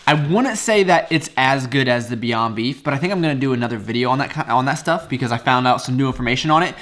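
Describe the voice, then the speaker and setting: A young fitness and cooking vlogger talks fast in a medium-pitched, fairly bright voice. He's casual, upbeat, and smiley with his vlog viewers, sharing opinions in a rambling way with frequent restarts.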